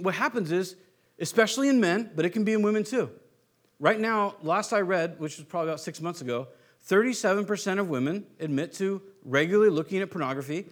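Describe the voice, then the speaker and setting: A man preaching a sermon in an animated, emphatic way, often repeating and restarting words. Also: high-pitched. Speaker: pastor.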